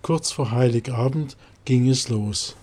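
Slow, mellow-voiced male storyteller. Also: medium pitch. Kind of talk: storybook narration.

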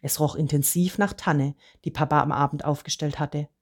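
A woman with a notably deep voice reads a first-person storybook. Her delivery is calm and measured, and she tells the story steadily. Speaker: narrator. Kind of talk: storybook reading.

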